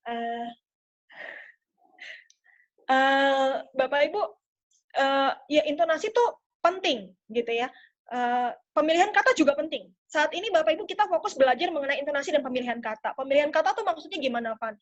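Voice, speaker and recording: A woman with a high voice gives a coaching talk over a video call, lively and demonstrative, often calling out to her audience. The sound is dull and lo-fi. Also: moderate pace. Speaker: sales trainer.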